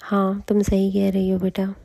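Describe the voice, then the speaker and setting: A woman's voice: medium pitch, completely flat delivery, measured pace, vocal fry, dark tone. A woman reading a cold, bitter queen. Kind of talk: storytelling recap.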